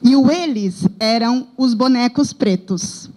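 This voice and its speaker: Brazilian woman, daycare director, tells a story earnestly, slightly high voice. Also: takes it slowly, dark tone, rough recording. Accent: Brazilian Portuguese. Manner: earnest storytelling, reenacting dialogue. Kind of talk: recounting a classroom experience.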